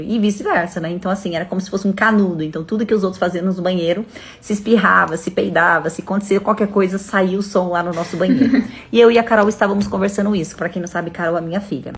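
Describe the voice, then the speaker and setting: A middle-aged Brazilian woman telling a personal story to her viewers in a chatty, direct way. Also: medium pitch. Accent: Brazilian Portuguese. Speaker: storyteller vlogger. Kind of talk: casual storytelling to camera.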